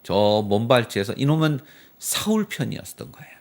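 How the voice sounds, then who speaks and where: A man's voice: mid-range voice, sing-song, normal speed, vocal fry, darkish tone. A male pastor delivering a Sunday sermon in church, telling the story dramatically and asking the congregation rhetorical questions. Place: church sanctuary.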